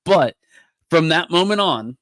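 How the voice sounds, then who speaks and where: A young man, co-hosting a casual podcast and telling animated stories with frequent laughs. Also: fairly high pitch, unhurried, dry recording. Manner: animated storyteller, laughs often. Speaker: podcast co-host. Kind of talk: casual chat.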